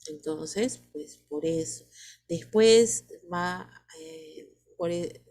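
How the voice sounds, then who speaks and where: A woman's voice: fairly low pitch, drawn-out words, a little mellow. A woman teacher with a Peruvian Spanish accent, lecturing students and asking many rhetorical questions.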